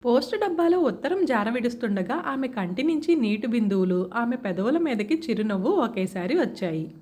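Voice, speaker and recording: A woman narrating a story in a measured, expressive reading. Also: on the high side.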